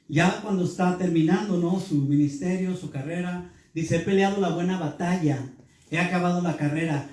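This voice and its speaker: Echoey, distant pastor teaching. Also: male voice, on the high side, mellow. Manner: teaching, asks the room questions. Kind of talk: Bible class sermon. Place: church hall. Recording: echoey hall, speaker far from mic.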